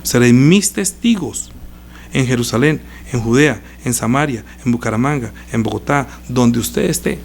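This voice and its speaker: A man preaching a live-streamed sermon, reading scripture aloud and repeating phrases. He swings from loud emphasis to hushed lines. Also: mid-range voice, fairly even intonation, moderate pace, creaky, hardly any pauses, slight background noise.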